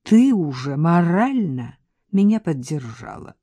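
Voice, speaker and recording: A woman's voice: fairly low pitch, big pitch swings, unhurried, dark tone, no echo. A woman voicing a blunt, guarded man who asks short, pointed questions. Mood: wry. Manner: blunt, terse, commanding questions.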